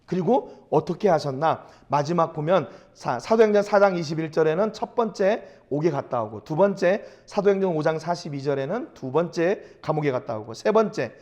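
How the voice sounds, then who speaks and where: A man's voice: fairly high pitch, lively intonation, moderate pace, hardly any pauses, darkish tone. A man preaching a sermon as pastor. He retells scripture in casual speech and keeps asking the listeners rhetorical questions. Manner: storytelling with frequent rhetorical questions.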